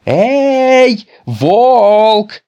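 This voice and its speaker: A man's voice: on the high side, big pitch swings, slow, voice pushed up, full character voice. A man voicing an insistent schoolboy who talks urgently, in a children's storybook reading. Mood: shouting.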